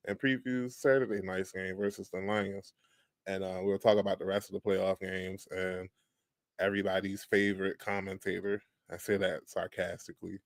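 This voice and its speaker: A man's voice: low-pitched, no echo. A man co-hosting a sports podcast in a casual, laid-back way, often tossing in "bro" and "like". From Washington DC area. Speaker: podcast co-host.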